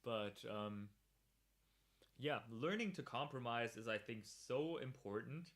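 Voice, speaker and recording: A man's voice: medium pitch, expressive, slow pace, fairly bright tone. A man hosting a livestream podcast, chatting casually, laughing often and reacting to viewers in chat.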